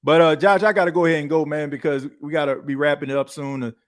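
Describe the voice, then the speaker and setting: A man's voice: on the high side, little pitch movement, fast. A man in his thirties hosting a podcast, chatting casually and rambling, with frequent restarts and the filler "you know what I'm saying". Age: 30s. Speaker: podcast host. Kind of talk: casual chat.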